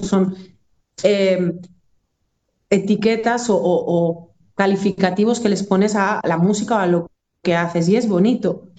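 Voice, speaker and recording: With a warm, mid-range voice, a musician from Aragón, Spain, talks through an interview in a casual, reflective, wandering manner. Her accent is northern Spanish.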